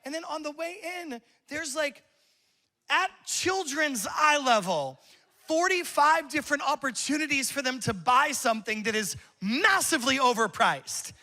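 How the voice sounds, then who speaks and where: A man's voice: very high-pitched, lively intonation, normal speed, sharp tone. A man in his thirties preaching a sermon at church, telling stories casually and laughing often. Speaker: pastor. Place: church campus.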